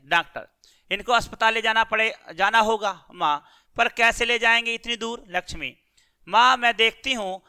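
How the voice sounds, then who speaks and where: A man's voice: sits high, bright, forceful tone, smooth. A male teacher reading a school play aloud, saying each character's name before the line and then explaining it again in plain words.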